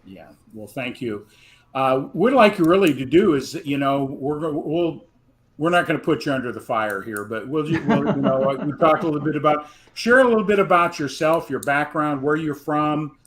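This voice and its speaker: A man's voice: on the high side, animated, normal speed, fairly bright tone. A man hosting a live online show, introducing his guest in a loose, rambling way. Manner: rambling, many fillers and restarts. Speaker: host.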